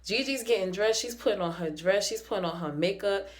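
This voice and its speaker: A young woman talks straight through a chatty recap of a web series episode. She is slangy and animated, and she breaks into the characters' lines as she goes. Her voice sits at an ordinary middle pitch for a woman. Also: brisk. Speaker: YouTube episode reviewer.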